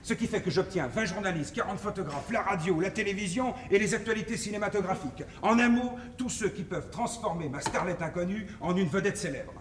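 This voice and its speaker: Male, high voice, actor playing pompous, exasperated show-business schemer; 1960s film comedy, echoey, noisy old soundtrack. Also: fairly quick, hardly any pauses, far from the mic, lightly acted. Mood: boastful explaining. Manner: theatrical, exasperated, emphatic, declamatory. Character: excitable, scheming, self-important male show-business publicist.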